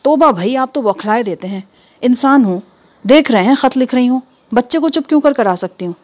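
A woman's voice: sits high, expressive, darkish tone, pitched above the performer's own voice. A woman reading the part of a busy, flustered housewife who exclaims and scolds.

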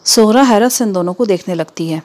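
A woman reading a story aloud. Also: medium pitch. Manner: even, measured narration. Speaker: narrator.

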